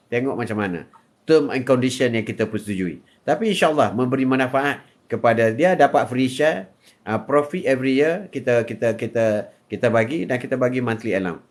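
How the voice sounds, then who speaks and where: Jovial older Malaysian man chatting live. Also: mid-range voice. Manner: jokey, laughs often, mixes in English phrases. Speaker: live stream host. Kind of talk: casual live-stream chat reading comments.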